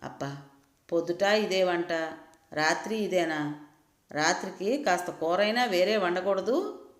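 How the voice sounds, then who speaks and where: A woman's voice: on the low side, a little slow, lightly acted. A woman voicing an irritable, regretful married man who complains and reproaches. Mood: complaining. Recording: roomy echo.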